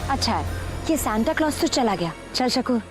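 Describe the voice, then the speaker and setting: A sly snake-woman sidekick to a cartoon villain, taunting in tone. Her voice sits high. Music plays behind. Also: very animated, normal speed.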